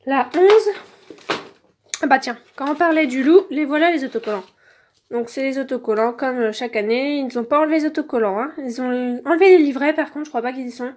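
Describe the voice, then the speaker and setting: A woman's voice: high voice, fairly quick, darkish tone, a little hiss or hum. A woman casually reviewing toys as she unboxes them, filled with "donc" and "euh", recorded on a phone held in one hand. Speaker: toy reviewer.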